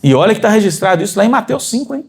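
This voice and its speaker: Brazilian male preacher, fairly high and very animated delivery, rises to fervent emphasis. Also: rapid-fire, creaky. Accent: Brazilian Portuguese. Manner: animated, rising to emphatic peaks; addresses congregation as brothers. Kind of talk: sermon. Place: church.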